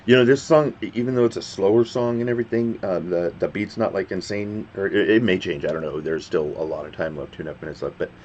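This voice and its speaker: A man's voice: sits low, fast, few pauses, darkish tone. A man giving casual reaction commentary, rambling and often stopping to restart his sentences. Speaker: reaction video host. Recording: dull lo-fi sound with faint background noise.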